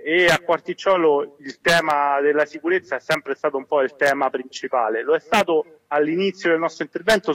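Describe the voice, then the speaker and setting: A man's voice coming through a speakerphone call, pitched a little above the usual for a man. He explains things at a steady, measured pace, sometimes backing up and restarting his sentences as he addresses an audience by phone. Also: low-quality recording. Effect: heard over a phone on speakerphone. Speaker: community organizer speaking as a remote guest. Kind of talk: public talk to a crowd by phone.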